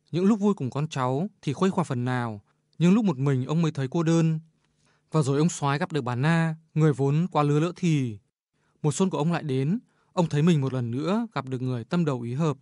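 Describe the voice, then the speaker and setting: A man, a radio editor, reading a measured, reflective commentary on a short story. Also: fairly high pitch, a little mellow, dry recording, studio quality. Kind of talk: scripted literary commentary.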